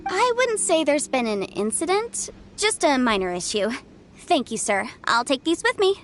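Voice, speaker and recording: In this video game, an actress plays a sharp, self-assured young legal advisor who sounds crisp and a little amused. Her female voice is high and sing-song at a moderate pace, with faint music playing behind her.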